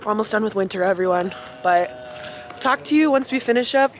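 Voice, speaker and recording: A woman's voice: medium pitch, fairly quick, a little hiss or hum. A young woman chatting casually to camera as a running vlogger, in an informal, chatty way. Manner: informal, chatty, mild swearing.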